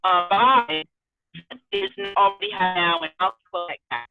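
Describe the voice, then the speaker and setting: A woman's voice: medium pitch, lively intonation, unhurried. A woman joining an online meeting, her voice breaking up and cutting in and out as she hurriedly and apologetically asks a question. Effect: voice breaking up, cutting in and out on a call. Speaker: meeting participant. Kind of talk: casual question on a video call. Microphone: remote call audio. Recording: tinny, dry call line with faint music.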